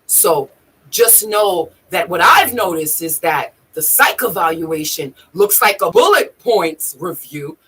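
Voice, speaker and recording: A woman hosts a spiritual livestream with a breathy, husky edge over a bright, forceful tone. She preaches in an emphatic, profane way. Her voice drops to low mutters and climbs to high shouts. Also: lively intonation, takes it slowly, rough recording. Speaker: livestream host.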